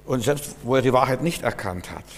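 Man preaching a sermon, mid-pitched voice, earnest and direct, echoing in a large hall. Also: animated, brisk. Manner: earnest, repetitive, addresses listener directly. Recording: long reverb, hall.

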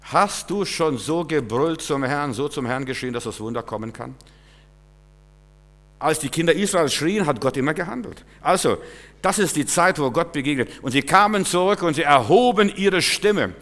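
A middle-aged pastor delivers a sermon with an emphatic voice. He swings between loud, pressing bursts and low, quiet asides. His voice rings out with a long reverb, as in a large church hall. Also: animated, moderate pace.

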